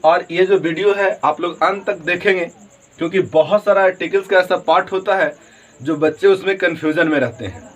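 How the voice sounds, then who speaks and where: A man teaching an English grammar lesson to students, explaining slowly, often checking in and spelling words out letter by letter. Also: high-pitched, rough recording.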